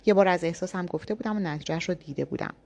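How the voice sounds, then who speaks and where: A woman reading a novel aloud in the first person, with even, intimate storytelling. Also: on the low side. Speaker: audiobook narrator.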